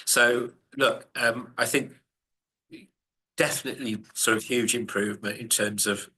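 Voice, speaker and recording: A man contributes to a board meeting over a video call. His voice is mid-pitched with a bright edge. He talks thoughtfully, pausing often with ums. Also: steady tone. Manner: hesitant, many ums, thoughtful. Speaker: board member.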